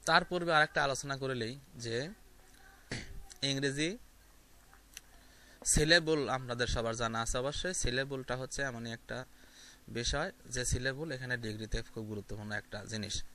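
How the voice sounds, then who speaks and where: Male tutor, patient step-by-step explainer with fillers, bright tone. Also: mid-range voice, normal speed, pauses often. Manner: step-by-step explaining with frequent fillers and repeated examples. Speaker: English grammar teacher. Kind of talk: explaining grammar lesson to viewers.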